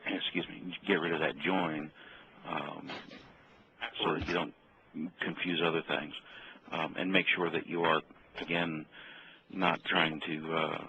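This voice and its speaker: A man's voice: a bass voice, flat delivery, measured pace, long pauses, sharp tone. A man calling in over a phone line, speaking hesitantly with many ums and restarts. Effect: heard over a phone line. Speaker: participant on a training call. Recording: muffled phone line with faint noise.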